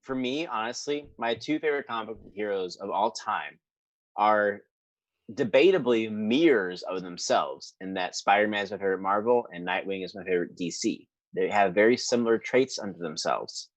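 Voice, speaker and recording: A man co-hosting a casual podcast debate, measured and thoughtful in his reasoning. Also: on the low side, dry recording. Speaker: podcast co-host. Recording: dull lo-fi mic.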